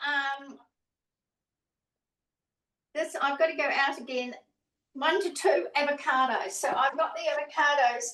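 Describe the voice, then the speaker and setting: Over a video call, a woman with a high-pitched, slightly bright voice gives a casual cooking demonstration, chatty and rambling and correcting herself as she goes. She's recorded from a distance, so the sound is roomy.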